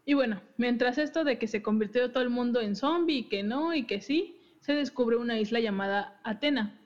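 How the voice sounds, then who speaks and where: At a normal speed and with a voice on the high side, a young woman runs a podcast explaining game lore casually. Her style is giggly and chatty, with lots of self-interruptions and restarts, and the audio is dull lo-fi.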